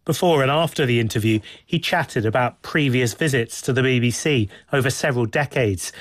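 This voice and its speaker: A man hosting a radio interview, introducing his guest and asking calm, measured questions. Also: mid-range voice, dry recording, clean studio sound. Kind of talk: broadcast interview and narration. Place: radio studio. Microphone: studio microphone.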